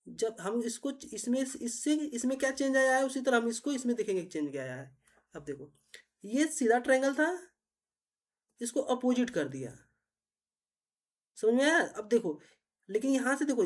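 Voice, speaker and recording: A woman teacher, patiently explaining reasoning puzzles step by step and often asking if it is clear. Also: fairly high pitch. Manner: patient, repetitive, checks understanding often.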